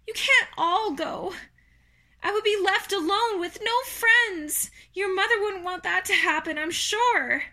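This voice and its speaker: A woman's voice: very high-pitched, unhurried, pushed and bright, pitched above the performer's own voice, exaggerated voice. A woman voicing an earnest, tender young male pig with polite, emphatic speech in a children's storybook. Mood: anxious. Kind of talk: children's storybook character reading.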